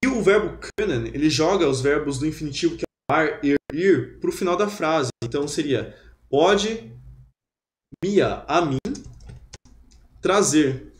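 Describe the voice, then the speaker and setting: Lively man teaching, roomy sound. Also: fairly high pitch, a little slow. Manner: lively, chatty teaching with repeated drills. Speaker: German teacher. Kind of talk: webinar lesson. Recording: roomy echo.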